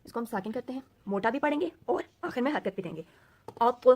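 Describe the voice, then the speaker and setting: A woman with a fairly high yet darkish, husky voice and lively intonation leads a recorded Quran reading class. She teaches slowly and patiently, dropping in English words, and repeats each letter sound many times so learners can follow along.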